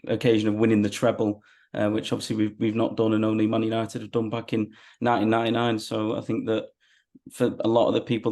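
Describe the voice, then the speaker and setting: A man's voice: fairly low pitch, darkish tone. A man, chatting casually as a football fan being interviewed.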